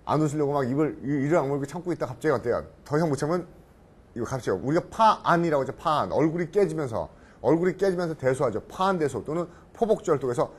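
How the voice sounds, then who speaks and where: A middle-aged man lecturing on English idioms in Korean. He keeps asking the class questions, answers them himself, and often clears his throat. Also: on the high side. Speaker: professor teaching English idioms.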